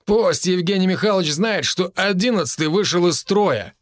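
A man's voice: high-pitched, animated, moderate pace, no room sound, voice pushed up. A man voicing a drunk young male footballer who teases and bosses his teammate. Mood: mocking.

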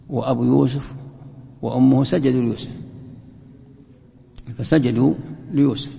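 A man teaches a Quran commentary lesson, putting questions to his listeners and answering them himself. His voice is deeply gravelly and full of fry. The recording is lo-fi and dull, with a long reverb from a large hall.

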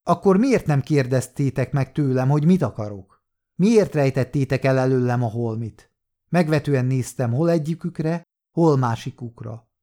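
A man narrating a first-person crime story in a calm, measured reading. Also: mid-range voice. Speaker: audiobook narrator.

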